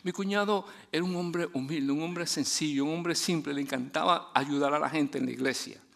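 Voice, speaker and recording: A man preaching a sermon in a chatty storytelling way, laughing often, restarting his sentences and dropping soft and low for his main points. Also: normal speed, gravelly. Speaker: guest preacher.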